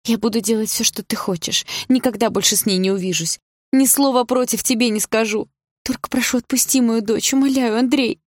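A woman's voice: fairly low pitch, steady tone, takes it slowly, a little mellow, slightly rough, full character voice. A woman reading an audiobook, voicing a desperate adult mother who pleads through tears. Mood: pleading. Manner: pleading, tearful.

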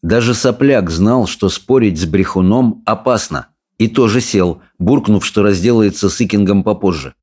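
A man narrating a children's storybook in a measured, storytelling way. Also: lowish voice, a little mellow. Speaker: audiobook narrator. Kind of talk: scripted narration.

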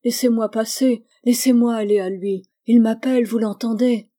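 A woman's voice: medium pitch, fairly even intonation, moderate pace, mellow, slightly rough, close to an everyday voice. A woman voicing a distraught young wife who pleads urgently for her husband in a read-aloud novel. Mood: pleading.

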